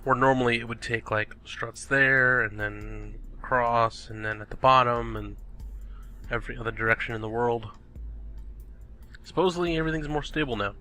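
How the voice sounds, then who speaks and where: With a bright, forceful, medium-pitched voice, a young gaming host chats through his gameplay, thinking out loud and exclaiming at the game. He's sniffly, recovering from a cold, and faint music plays behind him.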